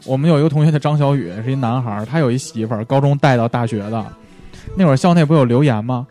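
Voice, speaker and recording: A man's voice: mid-range voice, fast talker, soft background music. A man with a Beijing accent chatting casually and telling anecdotes in slangy language, acting out what others said. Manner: animated, slangy, acts out quoted remarks.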